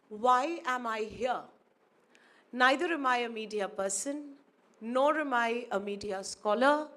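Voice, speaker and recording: At a formal university ceremony held in the auditorium, a guest academic speaks: a woman from India who grew up speaking Urdu. Her high voice has a bit of brightness, her pace is slow, and she stays measured and formal, echoing phrases to underline them.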